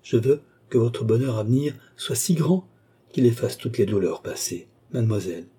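A man's voice: mid-range voice, lively intonation, normal speed, warm tone, husky. A man reading an audiobook, voicing a remorseful young man who pleads with earnest intensity. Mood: pleading. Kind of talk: audiobook character voice.

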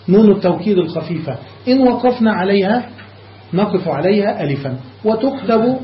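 A man teaching a classical grammar lesson, explaining each rule step by step, checking that his students follow, and slowing down on examples. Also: sits high, a little hiss or hum. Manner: slows down on examples. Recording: echoey lo-fi room recording.

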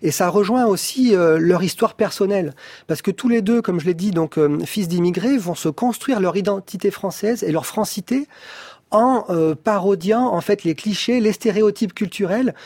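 A male expert guest on a radio programme, with a fairly high voice in a dry studio sound. He explains analytically, pausing to find words. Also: warm tone, dry recording. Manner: hesitant, analytical, stresses key words. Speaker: interview guest, expert on comics.

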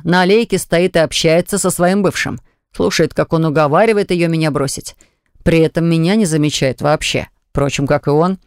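A man's voice: a little high, no room sound. A man narrating a first-person audiobook in a wry, sardonic manner, close to the mic. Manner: wry, sardonic, gruff in dialogue.

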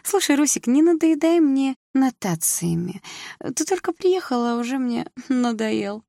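A woman voicing a defiant, tipsy young woman who mocks and shouts at her brother, in an audiobook reading. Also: unhurried, slightly rough, no echo, clean studio sound. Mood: defiant, shrill. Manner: shrill, mocking, shouting.

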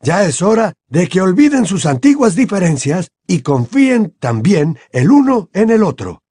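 A man reading an audiobook who voices an elderly, wise wizard headmaster, speaking in a measured, grave, commanding way with a husky tone. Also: high voice, sing-song, warm tone, dry recording, clean studio sound, voice pushed up, heavily acted. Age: over 60. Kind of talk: audiobook character voice.

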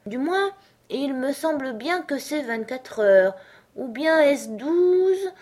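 A woman's voice: high-pitched, expressive, slow pace, a little mellow, pitched above the performer's own voice. A woman voicing a polite, timid young girl in a storybook reading, earnest and a little anxious.

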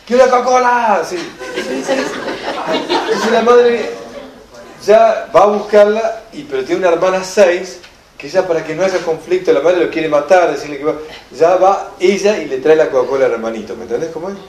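Animated Rioplatense man lecturing, echoey room. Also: on the high side, brisk. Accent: Rioplatense Spanish. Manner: animated storyteller, acts out shouted quotes. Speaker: enneagram teacher. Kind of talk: lively seminar lecture.

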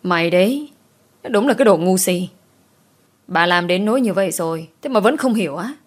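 A woman's voice: expressive, a little fast. A woman voicing a spiteful scheming house servant who talks rudely and defensively. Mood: sneering. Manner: shrill, rude, defensive.

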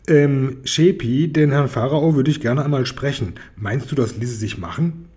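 A man's voice: medium pitch, moderate pace, dark tone, a little hiss or hum, lightly acted. A man reading aloud, voicing a timid, hesitant little male dragon in a children's story.

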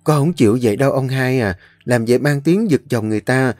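A man's voice: medium pitch, quick pace, darkish tone, no echo, faint music behind, pitched above the performer's own voice, lightly acted. A man voicing a young woman who keeps ducks, earnest and pleading. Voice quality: raised, pleading tone. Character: young countrywoman duck-keeper, earnest and pleading.

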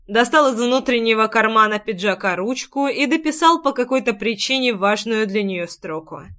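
A woman with a medium-pitched voice narrates a first-person audiobook, telling the story in an even, measured way.

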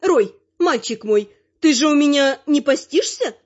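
A woman's voice: sits high, lively intonation, a little slow, darkish tone, lo-fi sound, voice pushed up. A woman reading an audiobook, voicing a spry, cheeky old grandmother on a fantasy adventure. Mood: sly.

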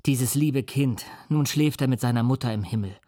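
A man reading the part of a grieving young friend who speaks softly and earnestly to comfort another. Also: medium pitch, normal speed, dry recording, studio quality, natural voice. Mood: consoling. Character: grieving young male friend, gentle, consoling. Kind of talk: literary reading.

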